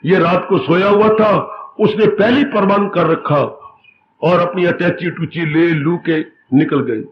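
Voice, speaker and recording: A man giving a devotional sermon, telling stories in an animated way and stretching out emphatic phrases. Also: high-pitched, a little slow, slight background noise. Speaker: spiritual teacher. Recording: roomy, dull recording, faint ambience.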